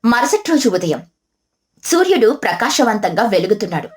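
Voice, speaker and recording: Brief: woman storyteller, steady scripted narration, higher pitch. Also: moderate pace. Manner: even, descriptive storytelling.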